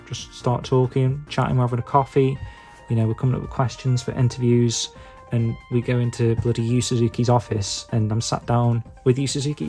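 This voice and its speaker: A man from England speaks in a Stoke-on-Trent accent with a dark, relaxed tone at a middling pitch. He rambles casually to his viewers, hesitant and self-deprecating, padding his thoughts with filler phrases. Music plays behind him. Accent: Stoke-on-Trent English. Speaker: YouTube video maker and podcaster.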